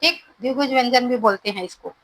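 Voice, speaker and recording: A woman's voice: fairly high pitch, fairly bright tone, rough recording. A woman teaching a Hindi grammar lesson for exam preparation, repeating each definition and checking understanding with short prompts. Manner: explains slowly, repeats definitions, checks with "ठीक है".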